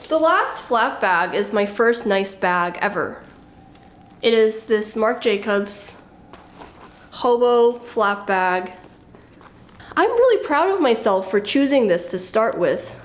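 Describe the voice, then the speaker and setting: A woman's voice: fairly high pitch, sing-song, unhurried. A woman in her thirties explaining things in a casual show-and-tell vlog, in a wry, matter-of-fact way. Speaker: fashion vlogger.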